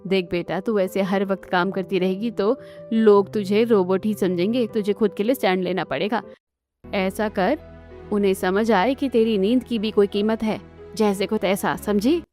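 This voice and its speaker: A woman's voice: mid-range voice, steady tone, normal speed, a little mellow, faint music behind, lightly acted. A woman voicing a caring but firm middle-aged mother giving advice in a cartoon story. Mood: advising. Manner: firm, advising.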